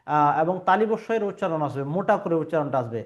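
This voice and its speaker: Man, Arabic letter teacher, patient, drawn-out demonstrations, slightly high voice, muffled lo-fi recording. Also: animated. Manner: patient and explanatory, models sounds by drawing them out; frequent hesitation fillers. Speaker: Quran reading teacher. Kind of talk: online lesson on Arabic letter pronunciation. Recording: dull lo-fi recording.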